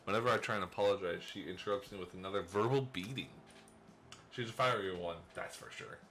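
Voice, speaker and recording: A man with a deep, low voice narrates a visual novel in the first person for a let's play, adding playful asides and little chuckles. He talks fast with a fairly bright tone, and faint noise sits behind him.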